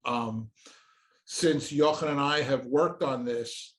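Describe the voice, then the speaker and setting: A professor in his sixties answers interview questions earnestly in his office, which has shelves and pictures. His voice is mid-range and slow, and he often restarts sentences while searching for the right words.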